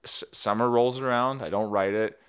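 A man's voice: mid-range voice, fairly even intonation, moderate pace, a bit bright, clear, resonant tone. A man co-hosting a podcast, chatting casually with his wife in a dry, self-deprecating, rambling way. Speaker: podcast co-host.

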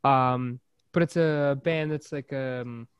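A man's voice: medium pitch, steady tone, takes it slowly, clear, resonant tone, no echo, lo-fi sound. A man co-hosting a music podcast, teasing the others playfully and restarting his sentences in casual chat. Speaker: podcast co-host.

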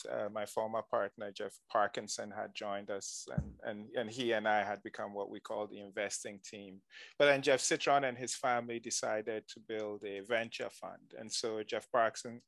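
A man's voice: fairly low pitch, steady tone, normal speed, creaky, fairly bright tone, no room sound. Guest voice: man from ghana, 40s, chatty venture investor, dry close mic. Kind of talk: conversational interview.

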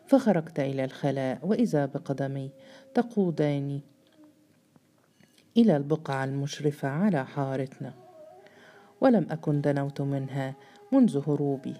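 A grown man tells of a strange meeting in the dark, earnest and measured, read by a woman. The voice sits low and sounds deeply mellow and warm. It is told in a storybook reading. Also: expressive. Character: grown man recounting a strange night encounter.

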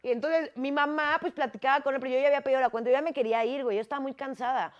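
Chatty Mexican woman with a higher voice. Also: steady tone, rapid-fire, muffled recording. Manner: chatty, slangy, emphatic. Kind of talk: casual storytelling.

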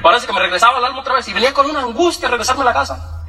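A man from Michoacán telling a personal testimony, animated, laughing often and acting out other people's voices. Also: extremely high pitch, rapid-fire, distant mic, low-quality recording. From Michoacán, Mexico. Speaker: testimony speaker.

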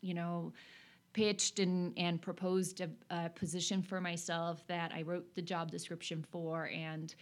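A woman in her forties from Norway, speaking as an interview guest. Her voice sits fairly low, and she talks in a thoughtful way, pausing with fillers as she goes. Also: little pitch movement. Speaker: guest, consultant. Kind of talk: conversational interview.

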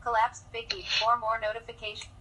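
Brief: too-smooth synthetic female phone screen reader, bright and high, from a phone speaker off-mic. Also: a little fast, slight background noise, low-quality recording. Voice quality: smooth, even, robotic announcing. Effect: synthetic text-to-speech from a phone speaker.

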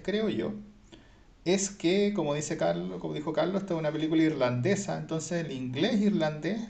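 A man's voice: on the high side, gravelly, a little mellow, echoey room. A man, co-hosting a casual film review chat, speaking thoughtfully with frequent hesitations. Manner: thoughtful, hesitant with many fillers. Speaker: podcast co-host.

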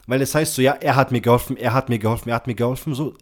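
A man talking in a relaxed, slangy way, padding every phrase with filler and calling his listener bro. His voice sits at an ordinary middle pitch. When he tells a story, he acts out the lines of everyone in it. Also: very fast. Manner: tells stories acting out quoted dialogue. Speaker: podcast host. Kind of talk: casual chat.

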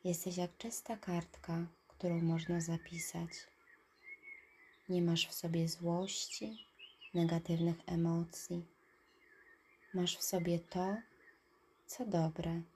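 A woman narrating a guided relaxation in a soft, calm voice that trails into breathy whispers. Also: fairly low pitch, slow, pauses often, slight background noise. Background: birdsong and nature ambience.

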